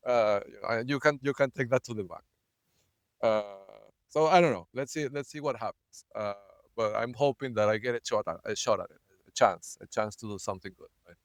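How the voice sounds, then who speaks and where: A man recording a rambling personal video log, halting often, filling gaps with "uh" and "right?", and breaking into short laughs. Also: medium pitch, dry recording. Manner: halting, many fillers and repeated "right?"; laughs between words. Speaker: vlogger.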